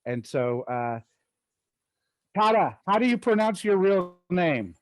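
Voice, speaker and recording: A man hosting a podcast, interviewing a guest in a halting way with restarts and fillers. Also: high-pitched, very animated, dry recording. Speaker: podcast host.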